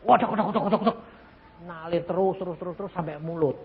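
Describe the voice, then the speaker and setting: An evangelist preacher in his eighties from Central Java, Indonesia, speaks quickly in a high voice with a Javanese accent. He delivers a testimony-style sermon, telling stories animatedly with sound effects, and the phone-quality recording has a long reverb tail and crowd noise.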